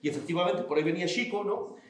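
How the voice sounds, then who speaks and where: Lively male folk storyteller, echoey room. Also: high-pitched, racing, a little hiss or hum. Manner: lively, acts out characters, laughs along. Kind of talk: oral folk tale telling.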